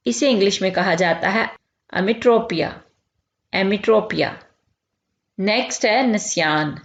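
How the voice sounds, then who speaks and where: A woman teaching medical vocabulary, repeating each term slowly and clearly. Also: medium pitch. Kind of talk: vocabulary lesson. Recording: echoey, dull lo-fi room recording.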